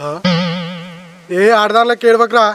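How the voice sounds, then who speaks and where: A man's voice: very high voice, level tone, a little slow, fairly bright tone, clear, resonant tone, faint music behind. A man with a Telangana accent playing a friend in a village comedy sketch, teasing and mocking. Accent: Telangana Telugu.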